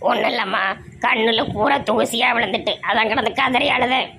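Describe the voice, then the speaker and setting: Gravelly bright Tirunelveli woman, complaining. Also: on the high side, a little fast, slight background noise. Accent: Tirunelveli Tamil. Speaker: comedy sketch actor. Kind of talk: slapstick village comedy skit.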